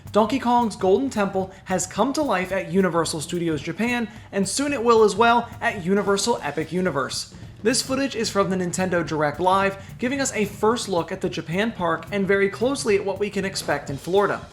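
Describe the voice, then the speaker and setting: A man's voice: high voice, lively intonation, brisk, slight background noise. A man reading a scripted voice-over as a video narrator, in an enunciated, presentational way. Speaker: theme park news video narrator.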